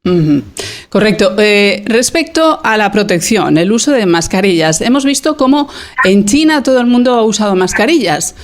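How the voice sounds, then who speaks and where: A man's voice: sits high, expressive, moderate pace. A man interviewing a guest, asking formal, polite questions with hesitant fillers.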